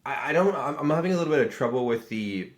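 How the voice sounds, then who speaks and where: A man's voice: mid-range voice, expressive, quick pace. A man giving a casual critique of a video, talking loosely with lots of "like" fillers and restarts. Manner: rambling, heavy on filler "like" and restarts. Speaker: YouTube strategy reviewer.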